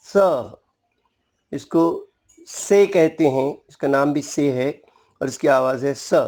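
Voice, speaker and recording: Slightly high and a little mellow, this man's voice leads a slow Urdu alphabet lesson. Courteous and formal, he takes his time going through what every letter is called and how it sounds.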